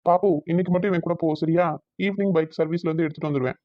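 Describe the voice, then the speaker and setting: A woman's voice: on the low side, fairly even intonation, racing, dry recording, close to an everyday voice. A woman voicing an easygoing young husband and big brother in a Tamil cartoon, with a colloquial Tamil Nadu accent, grumbling and coaxing. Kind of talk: cartoon voice acting. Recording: thin phone-like dry sound.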